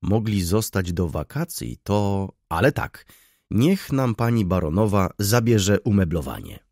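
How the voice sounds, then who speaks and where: A man's voice: on the low side, big pitch swings, measured pace, darkish tone, no echo, studio quality, heavily acted. A man doing a sly, mock-polite student. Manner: suave, mock-courteous.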